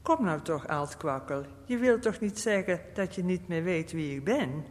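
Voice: mid-range voice, expressive, moderate pace, natural voice. A storyteller voicing a cheerful, hospitable old man with a cracked voice, chatty and welcoming. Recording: long reverb.

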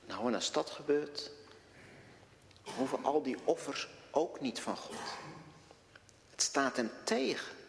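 A man preaching a sermon in a church, slow and deliberate, posing rhetorical questions to his congregation. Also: medium pitch, expressive, gravelly, slight background noise. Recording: long reverb of a church hall.

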